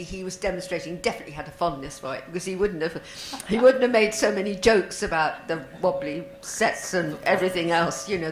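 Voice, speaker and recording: A woman recalling memories hesitantly as a panelist at a fan convention. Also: fairly low pitch. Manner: hesitant, rambling recollection. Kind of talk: casual anecdotes on stage. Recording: echoey hall.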